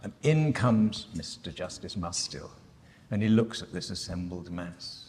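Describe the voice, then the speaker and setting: A man telling an anecdote at a dinner event, lively, with quick asides. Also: deep voice. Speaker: after-dinner speaker. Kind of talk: anecdotal speech. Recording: long hall reverb.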